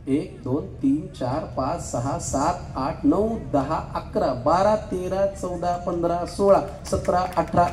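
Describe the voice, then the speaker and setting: A man hosting a live stage game, joking with contestants and counting aloud quickly. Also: high-pitched, a little mellow, a little hiss or hum. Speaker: game show host. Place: event hall stage. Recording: echoey hall, faint crowd murmur.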